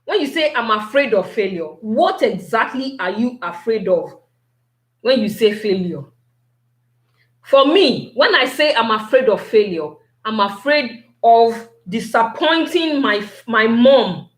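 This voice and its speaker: A woman giving a motivational talk, slow and repetitive, asking her listeners many questions. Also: on the high side, lively intonation, reverberant.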